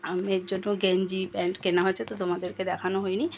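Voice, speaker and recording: A woman chatting casually to her viewers while cooking at home, keeping her voice low so her sleeping son is not woken. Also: little pitch movement, racing, highs cut off. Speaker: home vlogger and mother. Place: home kitchen with a tin roof during rain. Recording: noisy home recording with rain on a tin roof.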